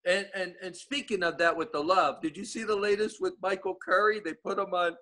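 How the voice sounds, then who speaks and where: A man's voice: high-pitched, steady tone, brisk, bright, forceful tone. A man with an East Coast American accent, chatting casually as a guest and rambling through many restarts. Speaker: guest giving updates. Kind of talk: casual chat.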